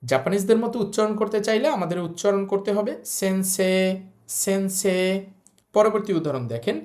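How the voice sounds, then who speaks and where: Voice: medium pitch, animated, fast, darkish tone. Patient teacher spelling out syllables. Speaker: language teacher. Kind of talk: recorded explanatory lesson.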